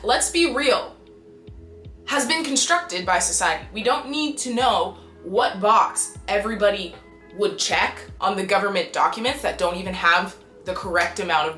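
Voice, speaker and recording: A young woman from Canada in her twenties, talking casually to the camera in an animated, exasperated and emphatic way. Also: mid-range voice, roomy sound. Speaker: vlogger. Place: small bright room indoors.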